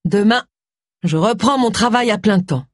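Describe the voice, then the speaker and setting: A reader voicing an excitable middle-aged woman who exclaims and gasps her lines, high and breathless. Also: moderate pace, no echo, clean studio sound, close to an everyday voice. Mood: resolute. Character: flustered, fiery middle-aged woman heroine.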